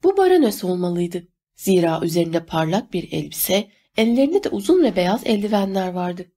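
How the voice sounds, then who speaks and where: A woman reading a novel aloud as an audiobook narrator, steady and measured. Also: on the low side. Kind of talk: scripted narration.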